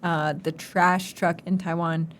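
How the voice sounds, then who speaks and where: Teasing young woman with a lowish voice. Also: little pitch movement, measured pace. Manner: teasing, jokey. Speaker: co-host. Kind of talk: casual chat.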